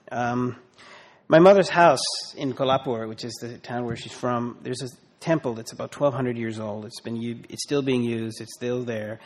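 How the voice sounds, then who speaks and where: Halting middle-aged man explaining a story. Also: medium pitch. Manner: halting, with many fillers and restarts. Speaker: guest speaker explaining a festival. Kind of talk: informal talk.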